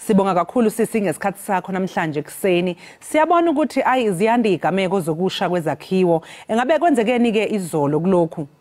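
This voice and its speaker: A woman's voice: medium pitch, expressive, quick pace, hardly any pauses, a little mellow. A woman with a Zulu accent presenting and interviewing on a broadcast morning news show.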